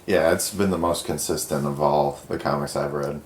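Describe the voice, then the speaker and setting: A man with a very deep voice chats casually as co-host, giving short agreeing replies. He sounds roomy and echoey. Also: steady tone, moderate pace, a little hiss or hum. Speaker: podcast co-host. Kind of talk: casual chat. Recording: echoey room.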